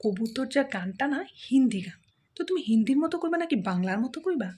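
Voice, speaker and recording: A woman's voice: sits high, very animated, brisk, mellow, breathy edge. A young woman in a comedy skit, playing a daughter who keeps correcting her mother. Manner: exasperated, correcting, teasing.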